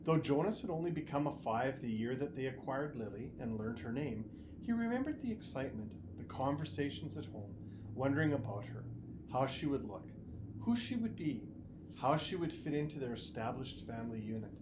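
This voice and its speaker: A school superintendent reads a story aloud in an animated, expressive audiobook style. His voice is medium-pitched and paced normally, and noticeable background noise and ambience run through the recording.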